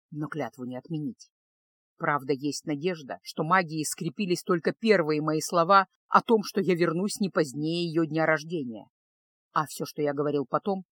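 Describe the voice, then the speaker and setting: A brooding young male mage from a fantasy audiobook , voiced by a woman reader. The voice is pushed down low and kept soft, halting, close and dry on the mic. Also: breathy edge, dry recording. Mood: tender.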